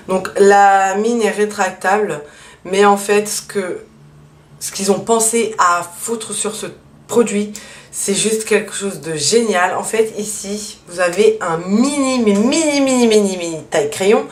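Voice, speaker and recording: A woman chatting casually through a beauty haul, with lots of fillers and a steady stream of small asides. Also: mid-range voice. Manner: chatty, many fillers and "donc voilà". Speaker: beauty vlogger. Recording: echoey room, mic at a distance, faint hiss.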